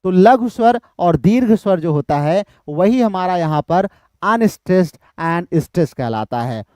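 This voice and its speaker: A man's voice: high voice, expressive, takes it slowly, a little mellow, clear, resonant tone, no echo, studio quality. A man teaching literature for exam prep, explaining step by step, repeating key terms and answering his own questions.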